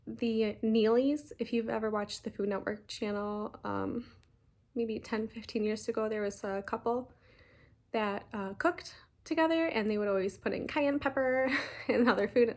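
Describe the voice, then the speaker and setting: A woman, chatting casually in a stitching vlog, talking fast and rambling with many ums and restarts. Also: fairly high pitch, darkish tone. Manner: talks fast. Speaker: flosstube host.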